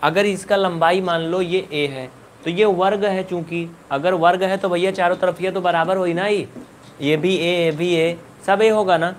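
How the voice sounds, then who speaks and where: High-voiced scolding maths teacher. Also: male voice, fairly even intonation, measured pace, a little hiss or hum. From India. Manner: scolding, repeats questions to students. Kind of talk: live online maths class.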